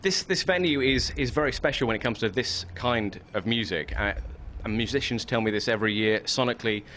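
A man's voice: medium pitch, a little fast, fairly bright tone, slight background noise. Chatty male radio host. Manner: chatty, laughs easily, some restarts. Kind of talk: radio interview. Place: backstage at a concert hall.

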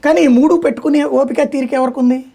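A woman's voice: high-pitched, steady tone, creaky, warm tone. A woman speaking as a political analyst guest in a debate, arguing with examples and proverbs. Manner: fast, argumentative, explains with examples and proverbs.

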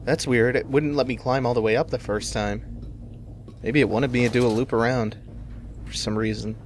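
A man's voice: medium pitch, fairly even intonation, moderate pace, a little hiss or hum. A man giving casual let's play commentary, musing and thinking aloud as he plays. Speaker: gamer commentating a playthrough.

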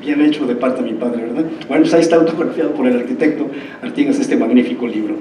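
A man's voice: mid-range voice, quick pace, mellow, slight background noise. A Mexican man in his fifties giving a lecture, digressing into anecdotes and often checking in with his listeners. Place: lecture hall. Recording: roomy hall, mic far off.

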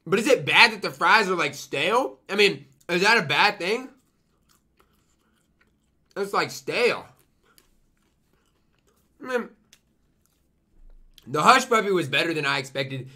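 Speaking in a high, bright, forceful voice, a young man reviews food to camera indoors in a small room at home. He is animated yet unhurried, with long pauses, and he talks while eating, murmuring mms and repeating himself emphatically for effect.

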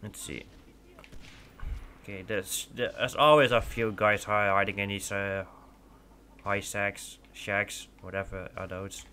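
A young Dutch gaming channel host, speaking English as a second language, gives casual let's play commentary on a shooter, rambling with frequent fillers and restarts. His voice is on the low side, steady and slow yet bright and forceful, with slight background noise.

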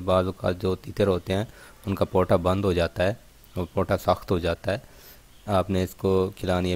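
Male bird-keeping vlogger, deep voice, near-monotone, steady and instructional, points things out to camera. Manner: steady explanatory, repeatedly pointing things out to viewers. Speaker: bird keeper showing partridge care. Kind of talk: instructional demonstration vlog.

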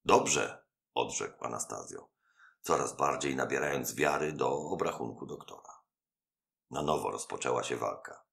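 A man reading a classic novel aloud in a measured, dramatic storytelling manner. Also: a bass voice, expressive, creaky, a bit bright. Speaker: audiobook narrator. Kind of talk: literary audiobook reading.

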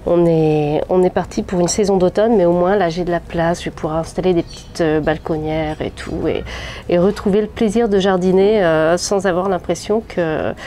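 A woman in her thirties with a head cold chats casually as she vlogs a tour of the plants on her small, sunny outdoor balcony, filling her talk with fillers and restarts. Her voice sits on the low side with a dark tone, fairly even intonation and normal speed. She films on a phone held at arm's length, and there's slight background noise.

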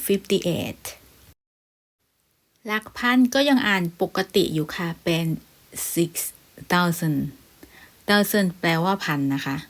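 A woman with a Thai accent teaching a step-by-step English lesson, saying numbers slowly and carefully for repetition, with polite, gentle phrasing. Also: fairly low pitch, dry recording. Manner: polite with frequent particles.

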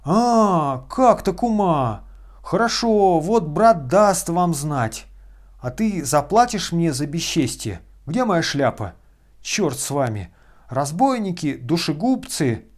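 A man voicing a brash, abusive freeloader who shouts and hurls insults. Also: medium pitch, moderate pace, natural voice. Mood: yelling.

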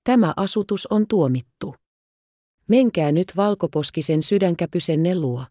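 A woman reading the part of a scheming male traitor who makes hushed, mocking threats. The audio is slightly dull. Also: lowish voice, animated, dry recording. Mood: sneering.

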